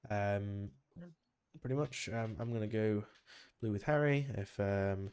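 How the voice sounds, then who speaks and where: A man's voice: fairly low pitch, a little slow, heavy background noise. A man leading his squad in a military game, giving a casual mission brief over voice chat with plenty of ums and uhs. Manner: relaxed, chatty, lots of ums and uhs.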